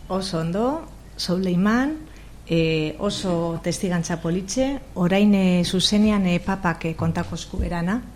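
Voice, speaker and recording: A woman's voice: on the low side, unhurried, darkish tone, slight background noise. A woman teacher who reads a text and presents the students on a school radio program, speaking with frequent fillers. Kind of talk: reading a text, then presenting.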